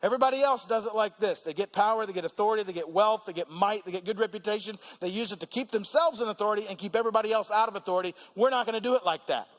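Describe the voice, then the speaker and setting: A man preaching a sermon as pastor, animated and asking the congregation questions. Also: high-pitched, very fast, few pauses. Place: large church hall. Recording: long church reverb.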